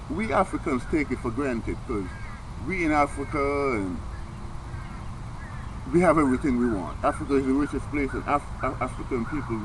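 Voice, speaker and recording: A man talks in Rasta speech with street phrasing, rambling casually but earnestly, like preaching. He often gets stuck and repeats a word several times. His voice sits at a medium pitch, with clear outdoor car and city noise around it. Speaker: vlogger. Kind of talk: casual rambling monologue to camera. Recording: noisy, outdoor traffic ambience.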